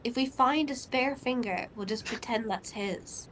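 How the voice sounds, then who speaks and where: A woman's voice: a little high, a little slow, a bit bright. A woman playing her character in a tabletop role-playing game, talking in a bubbly, casual, teasing way. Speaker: player.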